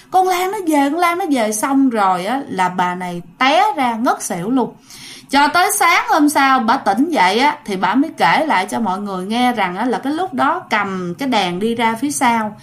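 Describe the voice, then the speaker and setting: High-voiced chatty woman storyteller. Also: a bit bright. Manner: chatty, addresses listeners directly. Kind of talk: casual ghost story narration.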